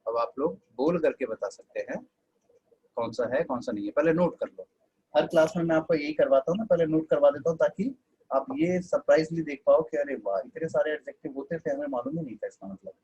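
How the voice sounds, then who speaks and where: A man's voice: on the high side, brisk, darkish tone, breathy edge, dull audio. A man with an Indian accent teaching an online English class, chatty and scolding students fondly.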